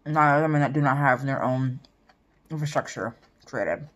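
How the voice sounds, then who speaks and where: A woman with a low voice chats to her viewers during a mukbang, pausing to hum over her food. There is a faint hiss of noise behind her. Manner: chats between bites with eating sounds and hums. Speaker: mukbang vlogger. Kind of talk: casual mukbang chat while eating.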